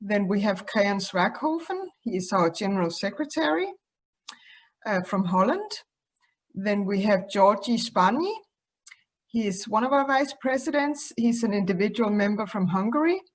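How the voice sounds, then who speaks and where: A woman from Denmark speaks English as a second language while presenting her association to a conference. Her pitch is mid-range and her delivery is hesitant, with frequent ums. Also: lively intonation, moderate pace. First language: Danish. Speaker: association president.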